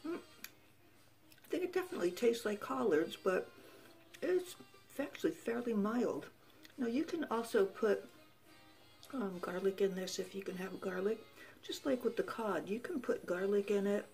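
A woman's voice: mid-range voice, unhurried, gravelly, long pauses, faint music behind. A woman hosting a home cooking show, chatting casually to the camera as she tastes her food. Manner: relaxed, chatty, tasting food while talking.

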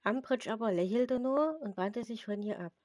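A woman reads a story aloud in a mellow, dark voice, plainly and without much acting. The sound is close and dry, and she trips over a word now and then and restarts. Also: a little high, expressive, normal speed, no echo. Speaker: storyteller reading her own fan fiction. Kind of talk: read-aloud story narration.

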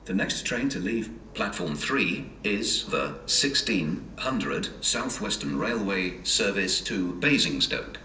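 A man making measured train announcements, heard over a station public address loudspeaker on a railway platform. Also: low-pitched, far from the mic. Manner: measured, even announcing delivery. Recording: echoey loudspeaker heard from afar, noisy.

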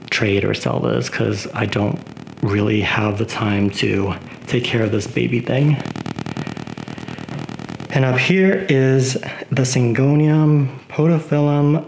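Guy showing off his plants at home, kinda gravelly, slow and laid back, lots of um and like. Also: medium pitch, slight background noise, poor audio. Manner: rambling, many fillers like "um" and "like"; relaxed, unhurried. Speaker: plant vlogger. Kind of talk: casual home tour narration. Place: home with houseplants.

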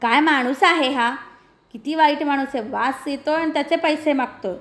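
A woman's voice: high-pitched, moderate pace, a bit bright. A woman voicing a clever young village girl in a read-aloud storybook lesson, speaking in an indignant schoolgirl tone.

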